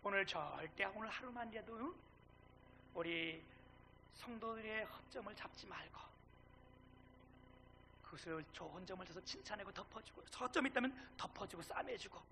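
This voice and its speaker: High, gravelly-voiced male pastor preaching. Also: moderate pace, long pauses, slight background noise. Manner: animated, swings between loud and hushed; acts out quoted dialogue. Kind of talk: sermon.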